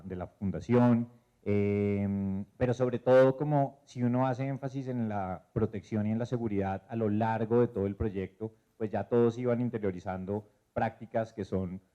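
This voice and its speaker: Male panelist, low mellow voice, halting delivery. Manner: measured, hesitant with many fillers. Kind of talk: panel discussion. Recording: dull lo-fi event recording.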